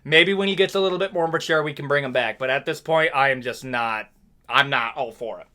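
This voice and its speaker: A young man giving a casual, joking fight recap, animated and frequently tagging lines with "okay?" and "bro.". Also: medium pitch, fairly quick. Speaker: MMA commentary YouTuber.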